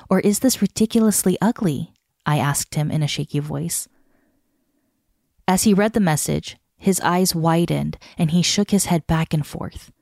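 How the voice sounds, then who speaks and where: Calm woman narrator with a low, mellow voice. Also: vocal fry, dry recording, studio quality. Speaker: narrator reading a devotional article. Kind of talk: scripted narration.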